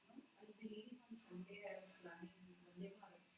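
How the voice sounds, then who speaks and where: A woman's voice: medium pitch, fairly even intonation, a little fast. A woman with a South Indian accent, a student chatting casually and asking questions, sometimes tagging them with "no". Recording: very echoey, distant mic, noisy room.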